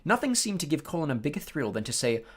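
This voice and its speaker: An audiobook reader narrating a story with a lively, animated pitch. The voice is a little husky. Small slips and fillers show through. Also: fast.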